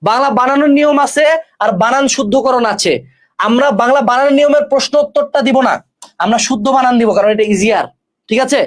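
A man. He speaks to his students bluntly and jokingly, like a tutor who knows every trick. The pitch sits far above most men's, and the words tumble out quickly. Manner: brash, joking, talks straight to students. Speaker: exam-prep tutor. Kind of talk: energetic study-tips lesson with course promotion.

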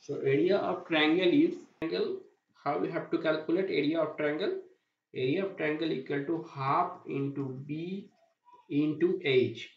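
In this whiteboard math tutorial, a welding inspection instructor with a fairly high voice walks slowly through a welding calculation on a digital whiteboard, repeating himself and answering his own questions. The voice-over, laid over screen drawing, sounds dull, roomy, and lo-fi.

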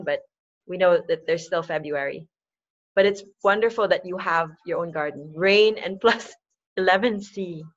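A woman from the Philippines in her forties, with a fairly low pitch and fairly bright tone, hosts a casual video-call talk and laughs frequently. She's at home in a dim room, and the call audio from her laptop webcam mic comes through slightly muffled.

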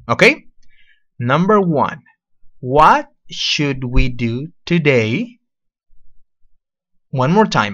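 A man with a slightly high, fairly bright voice teaches English to children online, captured in dull audio. He slows down for drawn-out model phrases that the kids repeat.

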